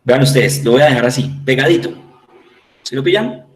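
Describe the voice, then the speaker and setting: A man's voice: mid-range voice, expressive, a little fast, echoey room, low-quality recording. A man with a Colombian Spanish accent teaching a class online, patiently repeating points and checking that his students understand.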